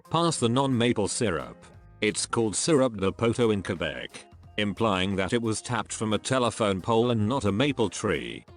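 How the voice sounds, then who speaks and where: A man with a fairly low voice reads forum comments one after another as scripted narration. His pitch moves a lot, giving each line a lively contour, and he never pauses for fillers. Faint music plays quietly behind him. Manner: reads each post straight through, no fillers. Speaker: narrator reading online forum posts.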